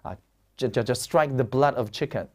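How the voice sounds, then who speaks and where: A man teaching English vocabulary in a lecture, explaining in a lively, joking, slangy way. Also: medium pitch, normal speed.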